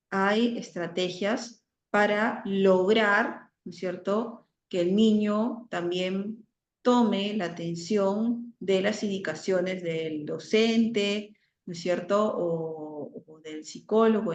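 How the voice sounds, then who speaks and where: A woman giving an online class lecture, often ending phrases with a questioning tag and pausing on fillers. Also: mid-range voice. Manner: frequent "¿no?" tags and hesitations. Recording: roomy, dull lo-fi audio.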